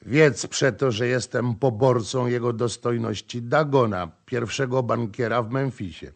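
A man's voice: mid-range voice, a little slow. A man voicing a pompous tax collector who speaks through his nose in an audiobook. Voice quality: nasal. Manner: pompous, threatening.

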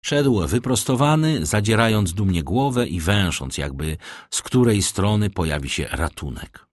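Husky, lively male storyteller. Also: lowish voice, normal speed, dry recording, studio quality. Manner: expressive, dramatic storytelling. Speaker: audiobook narrator. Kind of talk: scripted narration of a classic novel.

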